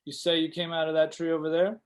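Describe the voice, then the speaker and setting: A man's voice: fairly high pitch, monotone, fast. A man player at a tabletop game, talking confidently and repeating himself. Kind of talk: casual tabletop play.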